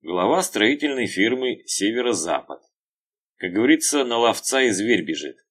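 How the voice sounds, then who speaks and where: A man's voice: mid-range voice, big pitch swings, normal speed, a bit bright. A man voicing a reluctant, gloomy local police officer. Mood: plain. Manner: gloomy, plain.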